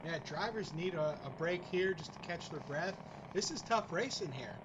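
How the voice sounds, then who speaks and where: A man's voice: a little high, lively intonation, moderate pace, muffled recording, background noise. A man giving informal, blunt kart race commentary with salty banter as a co-commentator.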